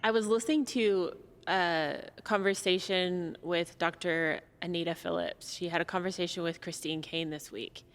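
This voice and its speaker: A woman's voice: lowish voice, fairly even intonation, normal speed, hardly any pauses. A woman guiding a casual conversation, listening attentively and chiming in with brief responses. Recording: reverberant room.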